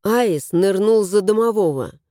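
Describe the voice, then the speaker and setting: A woman reading a fairy-tale audiobook aloud with lively, expressive storytelling. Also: mid-range voice, unhurried, dry recording, clean studio sound. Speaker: narrator.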